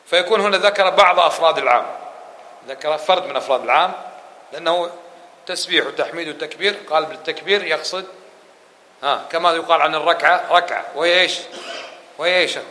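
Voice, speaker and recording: A man teaching a religious lesson to a mosque audience, asking questions and answering them himself. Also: a little high. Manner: fast, lively delivery that drops to quick murmured dhikr runs. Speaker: Islamic scholar teaching a lesson. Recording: echoey room with faint hum.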